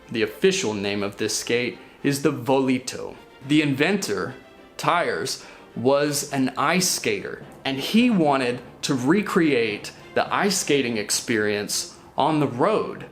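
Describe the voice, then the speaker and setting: A man hosting and narrating a history of roller skates in an earnest, curious way. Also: medium pitch. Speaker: host. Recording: faint music behind.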